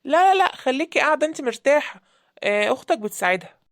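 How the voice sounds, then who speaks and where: A woman with an Egyptian accent voicing an easygoing young brother-in-law in an animated story, friendly and reassuring. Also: a little high, rapid-fire, no echo, studio quality, lightly acted. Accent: Egyptian Arabic.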